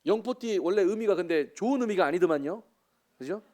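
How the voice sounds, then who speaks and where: A man's voice: high voice, expressive, a little fast, darkish tone. A man in his forties with a Jeolla Korean accent, a missionary preaching a sermon with chatty, joking asides to the congregation. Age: 40s.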